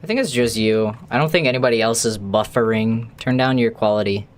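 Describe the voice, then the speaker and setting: Talking a little fast in a mid-range voice, a male streamer gives casual live commentary on the game he's playing. His chat with viewers is rambling and dotted with the odd curse.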